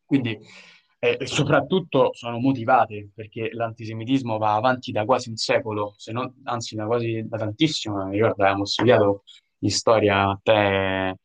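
A man's voice: on the low side, little pitch movement, moderate pace. A young man co-hosting a casual news chat, talking in a loose, digressive way and breaking into laughter now and then. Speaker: co-host.

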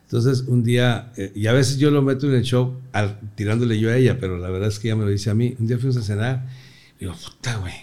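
A man's voice: medium pitch, quick pace, dark tone. Casting: middle-aged Mexican man, comedian guest, salty joking storyteller. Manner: profane, joking, laughs through his own stories. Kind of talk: casual storytelling interview.

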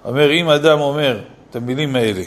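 A man, a city rabbi, giving a Torah lesson and firing off rhetorical questions with scolding asides. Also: mid-range voice. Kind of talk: Torah lesson on Selichot laws.

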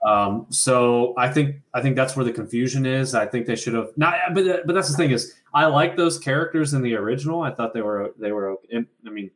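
A man's voice: medium pitch, brisk, few pauses. A man hosting a casual podcast chat over an internet call, talking in a loose, rambling way with some swearing. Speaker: podcast host.

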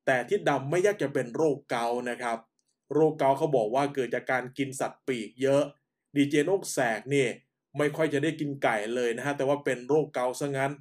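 Calm Thai man narrating unhurriedly. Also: on the high side. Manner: calm, unhurried storytelling with polite particles. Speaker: host. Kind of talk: radio-style narration.

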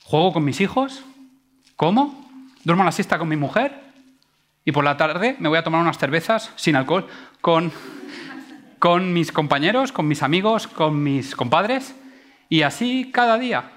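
A man voicing an easygoing, unhurried fisherman in a told parable, speaking calmly and low-key. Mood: laid-back.

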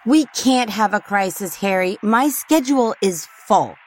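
A woman's voice: medium pitch, expressive, takes it slowly. A woman voicing a busy, harried mother who sounds dry and exasperated in a recorded English-lesson dialogue.

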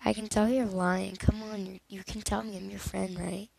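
A woman's voice: mid-range voice, little pitch movement, moderate pace, vocal fry, a little mellow, husky, dry recording, rough recording. A woman voicing a worried, caring teenage boy in a fan fiction reading, coaxing and concerned.

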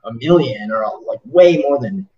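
A man's voice: mid-range voice, lively intonation, normal speed, dark tone. A man in his twenties hosting a podcast, talking earnestly in a rambling way with lots of repeated words. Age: 20s. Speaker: podcast host. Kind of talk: casual interview chat. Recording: roomy, distant, dull sound.

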